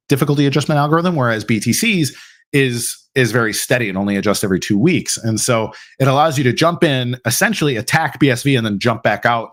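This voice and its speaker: A man's voice: medium pitch, fairly bright tone. A man hosting a live question-and-answer stream, talking casually with lots of fillers and restarts. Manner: casual, filler-heavy, mock-quotes opponents. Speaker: host. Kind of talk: livestreamed Q&A.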